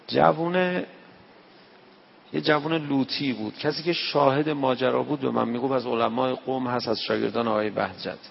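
In a medium-pitched, steady voice with vocal fry, a Tehran-born preacher with a local Persian accent delivers a night-prayer sermon. He keeps it homely and chatty, voicing the characters in his stories. The echoey, dull hall recording carries a faint hiss or hum.

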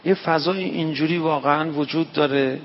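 A man's voice: a little high, fairly even intonation, a little hiss or hum. A man from Tehran with a Tehran accent, giving a night-prayer sermon in a folksy, conversational way and acting out the dialogue of his anecdotes. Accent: Tehran Persian. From Tehran, Iran. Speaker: preacher. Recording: echoey dull hall recording.

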